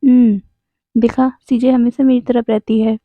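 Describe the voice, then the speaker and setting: A mischievous young man who loves to tease, as a woman narrator puts him on. He speaks in a high voice with slow, drawn-out words. The recording is dry and dull, with little room sound. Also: little pitch movement, no echo, close to an everyday voice. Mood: carefree. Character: playful teasing young man.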